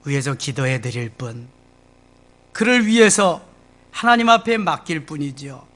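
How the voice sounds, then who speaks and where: Korean pastor preaching with dramatic outbursts. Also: male voice, a little high, big pitch swings, a little slow. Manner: dramatic, acting out disciples and scolding with sudden loud bursts. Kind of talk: sermon. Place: church sanctuary.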